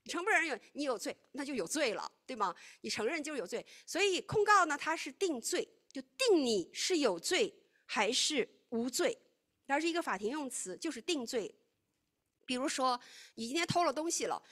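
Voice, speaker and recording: A woman preaching a sermon, teaching in an animated way that swings between loud, emphatic stretches and hushed, quiet ones. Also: sits high.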